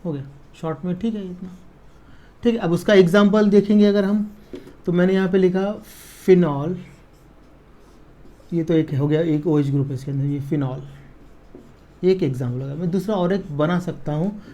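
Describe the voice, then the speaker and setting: A man teaching a chemistry lesson at a board, dictating notes slowly word by word and checking that students follow, with in the technical terms. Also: high-pitched, mellow. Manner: slow dictation, drawn-out words, frequent checks for understanding.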